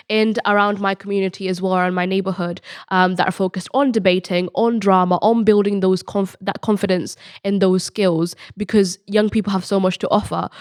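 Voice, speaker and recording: On a podcast interview, a late-teen student mentor shares her life story with earnest feeling, often restarting and saying um. She is eighteen, born in Bangladesh and raised in Spain, and her medium-pitched voice sounds clear and resonant in a dry, clean studio recording.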